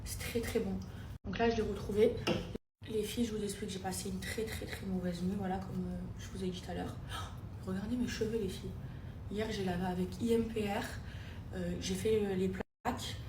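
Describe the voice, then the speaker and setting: A woman's voice: medium pitch, steady tone, brisk, echoey room, far from the mic, background noise. A young woman, chatting casually to her followers in a home vlog, with lots of fillers. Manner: chatty, addresses viewers as "les filles", many fillers. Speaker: social media personality. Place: at home, indoors.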